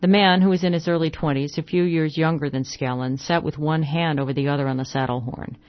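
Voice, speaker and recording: A reader narrating a western short story aloud in a steady, measured way. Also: mid-range voice, no room sound, lo-fi sound.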